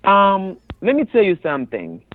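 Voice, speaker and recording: A man in his twenties from the Congo speaks in an earnest, halting way, often restarting his sentences. His voice sits a little high for a man. He comes through a thin, tinny phone line with a dry sound. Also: wildly swooping pitch, dry recording. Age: 20s. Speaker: guest. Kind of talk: interview about personal experience. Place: on a phone call.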